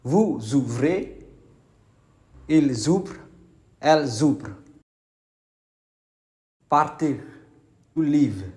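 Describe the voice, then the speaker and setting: A man reciting verb conjugations slowly and clearly as a language teacher. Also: a little high, lively intonation, a little mellow. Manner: slow, deliberate, enunciated recitation. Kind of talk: slow conjugation drill.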